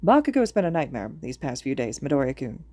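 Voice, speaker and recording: A woman's voice: rumbling low, big pitch swings, fairly quick, dark tone, dry recording, full character voice. A woman voicing a stiff, formal teenage boy student with a dramatic manner. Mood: exasperated.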